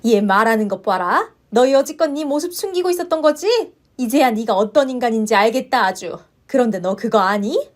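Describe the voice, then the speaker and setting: A woman voicing a domineering old mother-in-law. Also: high voice. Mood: furious. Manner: harsh, contemptuous, shouting reproaches. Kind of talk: story narration with voiced roles.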